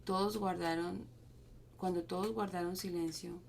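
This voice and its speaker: A woman reads scripture aloud in a slightly low voice, working steadily through the passage and now and then stumbling and restarting a word. A faint hiss of background noise sits under her reading. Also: fairly even intonation, moderate pace, vocal fry, a little mellow. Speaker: Bible reading leader.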